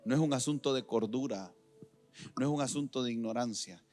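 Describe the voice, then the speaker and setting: A middle-aged man preaching a sermon as pastor in a church, moving between loud emphatic lines and quiet asides. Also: medium pitch, a little fast, soft background music.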